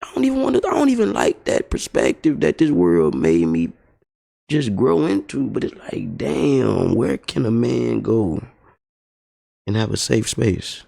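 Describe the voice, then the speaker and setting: A man's voice: on the low side, very animated, unhurried, gravelly, warm tone. A man livestreaming a casual, profane, exasperated storytelling rant. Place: home streaming setup.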